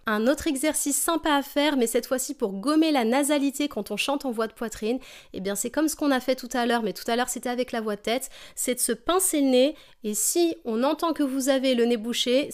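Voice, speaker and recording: A woman teaching a singing lesson, explaining vocal technique calmly and demonstrating exercises. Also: high voice.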